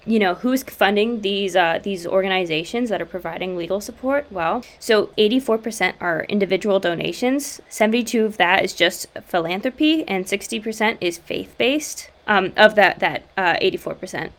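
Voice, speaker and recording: A woman at a middle pitch joins a casual discussion. She works her way through numbers out loud, pausing often on "uh" and "like" as she goes. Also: lively intonation. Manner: talks through numbers with hesitant fillers. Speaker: discussion participant.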